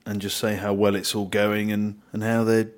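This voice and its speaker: A man's voice: lowish voice, level tone, moderate pace. A man chiming in to a casual market chat, confident and matter-of-fact.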